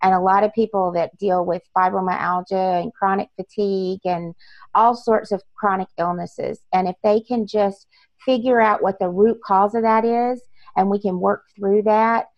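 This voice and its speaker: A woman's voice: medium pitch, steady tone, moderate pace, dry recording, dull audio. A woman author being interviewed, talking earnestly in long run-on lists. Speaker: author guest. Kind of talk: casual interview talk.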